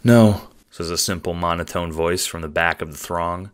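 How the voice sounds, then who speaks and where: Male narrator with a very low voice for second-person audio drama narration. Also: level tone, normal speed, pushed and bright, clean tone. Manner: descriptive storytelling.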